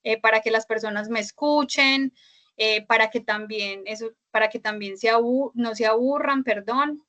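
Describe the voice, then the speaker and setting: A woman's voice: fairly high pitch, moderate pace, a bit bright, muffled recording. A woman instructor giving an online class lecture, explaining step by step with many "eh" fillers and a questioning "¿cierto?" after her points.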